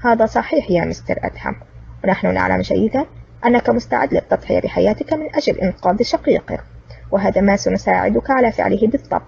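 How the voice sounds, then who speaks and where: Sly old wheelchair-bound villain read by a woman, gloating and mocking, fast and dark-voiced. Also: medium pitch, expressive, vocal fry, slight background noise. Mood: sly menace. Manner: cunning, smug and mocking. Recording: distant, dull lo-fi recording.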